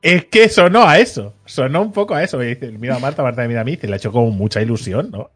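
A man's voice: medium pitch, big pitch swings, racing, a little mellow, slightly rough, faint music behind. A man hosting a podcast, telling a story in casual chat, acting out the people he quotes with a teasing edge.

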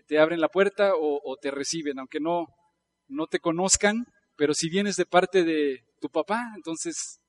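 Pastor, male, high-pitched, conversational sermon with rising emphatic bursts.

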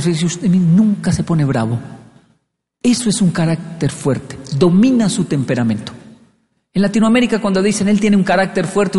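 Animated high-voiced man in a hall. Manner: animated storyteller, acts out dialogue with playful voices. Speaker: speaker on leadership. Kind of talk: live motivational talk.

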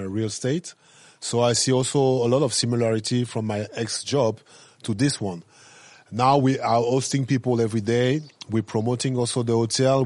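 A man's voice: mid-range voice, darkish tone, no room sound. A middle-aged man with a French accent, a hotel owner talking casually in broken English full of fillers. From France. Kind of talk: casual interview talk.

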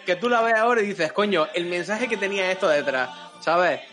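A man with an Andalusian accent in a casual group chat, giving an excited, rambling speech. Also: high-pitched, fairly quick, soft background music.

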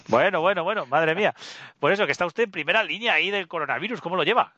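A man's voice: high voice, fast talker, pushed and bright, no echo, highs cut off. A man hosting a comedy radio bit, teasing and exclamatory. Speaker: radio host.

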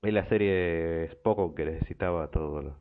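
A man hosting a show, retelling anime episodes in an animated, profane, casual way. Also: deep voice, normal speed. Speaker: radio show host. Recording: tinny phone-like line.

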